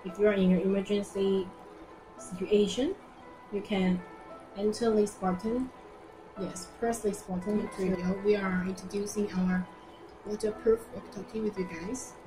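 This is an informal live product demonstration by a young woman in an indoor showroom, her voice medium in pitch and steady in tone. Her non-native English is simple and halting, with repeated phrases. Music plays behind her amid a roomy echo.

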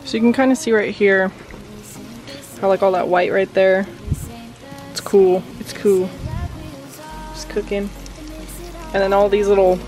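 A woman's voice: medium pitch, darkish tone, low-quality recording. A young woman vlogging a casual cooking how-to, chatty and self-deprecating with lots of ums and likes. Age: young adult. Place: home kitchen and backyard grill. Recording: background music under voice.

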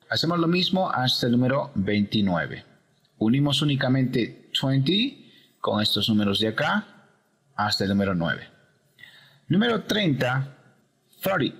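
A man's voice: mid-range voice, fairly bright tone, breathy edge, big-room sound. A man teaching English pronunciation, patiently explaining step by step.

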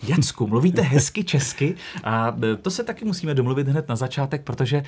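A man's voice: mid-range voice, expressive, darkish tone, husky. A man hosting a casual radio interview, asking curious, playful questions. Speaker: radio host.

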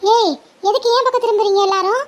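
A woman's voice: extremely high pitch, steady tone, quick pace, voice pushed up. A woman voicing a mischievous young girl who whines and protests in a family drama. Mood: protesting. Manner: whiny protesting. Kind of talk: family drama role-play.

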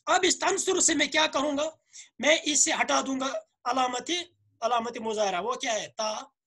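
A man with a Kashmiri accent and slightly hoarse throat, teaching a grammar lesson, asking questions and answering them himself while repeating words slowly. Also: very high voice, sharp tone. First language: Urdu. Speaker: Arabic teacher.

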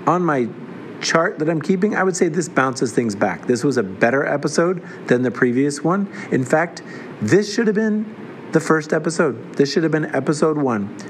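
A man's voice: on the high side, expressive, moderate pace, slight background noise. A man hosting a comedic TV review, talking in a wry way with sarcastic asides. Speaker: host reviewing a TV series.

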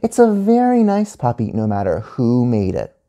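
A man voicing a patient, distracted woman teacher who speaks gently and soothingly. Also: mid-range voice, wildly swooping pitch, normal speed.

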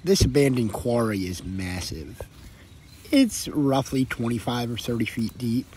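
A man's voice: medium pitch, unhurried, a little mellow, slight background noise. A man, narrating his exploration of old ruins in an earnest, reflective way. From northern Delaware. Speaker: restoration vlogger. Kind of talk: documentary narration.

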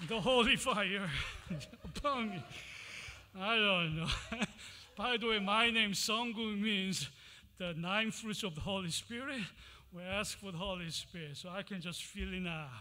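A man with a Korean accent delivers a sermon in a high, ringing voice. He speaks slowly and deliberately, leaning dramatically into each phrase. His reading swells with emphatic exclamations. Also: pushed and bright. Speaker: preacher.

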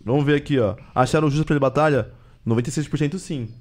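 Fast-talking Brazilian podcast host, a man. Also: fairly high pitch. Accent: Brazilian Portuguese. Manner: fast, animated slang-filled talk. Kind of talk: casual chat about rap battles.

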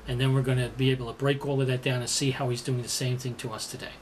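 A man's voice: medium pitch, level tone, fast talker, slight background noise. A man preaching a sermon, explaining words and repeating the verse for emphasis. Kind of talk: sermon teaching.

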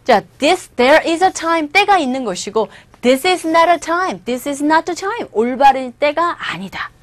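A woman gives an online English lesson, modelling words again and again and firing questions at her students. Her voice sits a little high and swings widely, close and dry. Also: animated, slow, no room sound. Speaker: English teacher. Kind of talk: online lecture.

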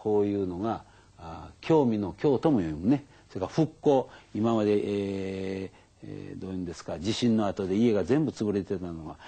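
An older elementary school teacher patiently shows schoolchildren how to write kanji, using many fillers. His voice is deep, warm, creaky and husky.

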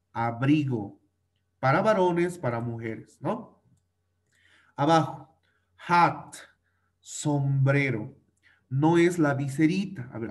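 A man's voice: medium pitch, darkish tone. A male teacher giving an online class for children, patiently repeating vocabulary, drilling pronunciation and using fond diminutives. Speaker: English teacher.

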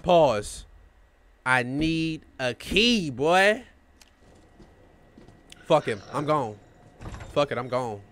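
A young man giving profane, excitable let's-play commentary while talking back to the game's characters. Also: on the high side, very slow, long pauses. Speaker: gamer playing a horror game.

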